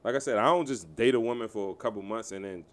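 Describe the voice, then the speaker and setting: A man in his thirties with a smooth, resonant voice that sits fairly low. He talks frankly and with emphasis, swearing freely in a relaxed podcast conversation. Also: fast. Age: 30s. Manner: candid, profane, emphatic, trailing filler phrases. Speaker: podcast co-host and DJ. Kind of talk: casual podcast chat.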